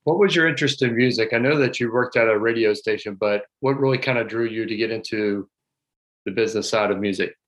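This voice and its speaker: A man's voice: fairly low pitch, fast talker, fairly bright tone, poor audio. A man co-hosting a podcast, chatting casually and asking follow-up questions. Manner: conversational, asks follow-up questions. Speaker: podcast co-host. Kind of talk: casual interview chat.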